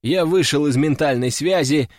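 A man narrating a first-person audiobook story in a wry, measured way. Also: on the high side, dry recording, studio quality. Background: faint music.

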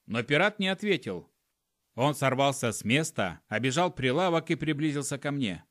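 A man's voice: medium pitch, expressive, moderate pace, fairly bright tone, no room sound, studio quality. A man narrating a humorous first-person audiobook in a wry storytelling manner. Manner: wry storytelling with acted dialogue.

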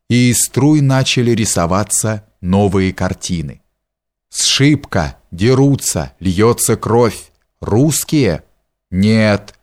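Man, audiobook narration, measured storytelling, low voice, unhurried. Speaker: audiobook reader.

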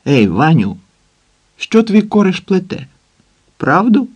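A man's voice: high-pitched, big pitch swings, slow, darkish tone, slightly rough, lo-fi sound, voice pushed up, full character voice. A man voicing a brash, coarse middle-aged woman in an audiobook, bossy and wheedling by turns. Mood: scolding.

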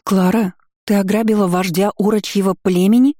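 An audiobook reader voicing a lively young woman who fires off questions and scolds her friend. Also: medium pitch, no room sound, studio quality, lightly acted. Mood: questioning. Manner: exclaiming, chiding, quick questions. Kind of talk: audiobook character voice.

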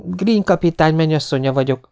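A man voicing a bold young woman in an audiobook, speaking briskly and forthrightly. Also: on the high side, creaky, a little mellow, smooth, voice pushed up.

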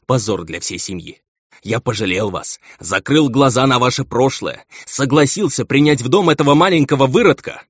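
A man's voice: mid-range voice, animated, moderate pace, breathy edge, no room sound, voice pushed up. A man voicing a pompous, contemptuous baron and cruel husband, on a dull, lo-fi recording.

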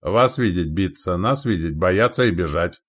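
A hearty, red-bearded warrior chief from abroad, voiced by a man reading a storybook. He booms in broken grammar with a low voice that swings widely. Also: animated, normal speed, a bit bright.

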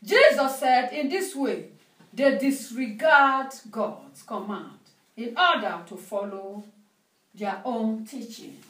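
A woman preaching a sermon through an interpreter, lively and often laughing between phrases. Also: fairly high pitch, slow. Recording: echoey hall, mic at a distance.

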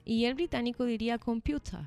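Chilean lady teacher explaining stuff casually, kinda high voice, keeps saying ya, soft music in the back. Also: a little fast. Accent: Chilean Spanish. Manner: chatty, checks in with "¿ya?", laughs between points. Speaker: English teacher.

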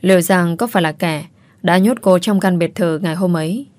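A woman, narrating a story in a steady, measured reading. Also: lowish voice, dry recording.

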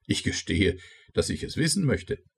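A man's voice: low-pitched, very animated, moderate pace, gravelly, a little hiss or hum, pitched above the performer's own voice, full character voice. A man reading as an earnest young prince. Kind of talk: audiobook reading.

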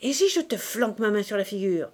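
A woman reading an audiobook voices an enraged, jealous older male magistrate who sputters and shouts threats. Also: mid-range voice, very animated, brisk. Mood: furious.

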